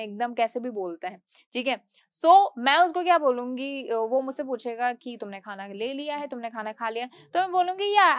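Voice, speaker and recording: Lady teacher, high voice, dry close sound, asks herself questions as she explains. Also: a bit bright, no echo. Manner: asks questions then answers them herself; reads English definitions slowly, explains in Hindi. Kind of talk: grammar lesson.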